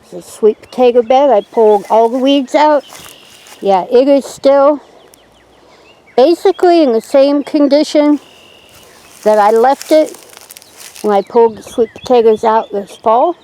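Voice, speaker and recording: Woman host, slow homespun chat, slightly high voice, outdoor garden walk-through with light wind. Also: mellow, poor audio. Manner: chatty, homespun, says "yeah" a lot. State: a little out of breath. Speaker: channel host. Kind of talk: casual garden tour. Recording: faint outdoor noise and wind.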